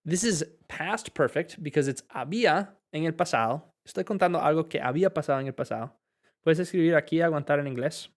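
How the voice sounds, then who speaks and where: Male teacher with a slightly high voice, encouraging and step-by-step, mixing two languages in a live class. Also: brisk. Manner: switches between two languages mid-sentence. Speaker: English teacher.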